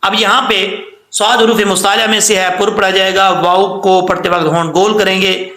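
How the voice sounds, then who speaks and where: A man teaching Quran recitation rules, patiently repeating words and drawing recited phrases out slowly. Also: high-pitched, flat delivery, bright, forceful tone, reverberant. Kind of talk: tajweed lesson with recitation.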